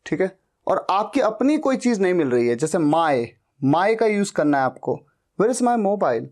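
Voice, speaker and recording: A woman's voice: lowish voice, very animated, darkish tone. A woman gives an English lesson. She explains each phrase patiently and says the example sentences over several times. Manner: explains slowly, repeats example sentences aloud. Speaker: spoken English teacher. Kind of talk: Hindi-language English lesson.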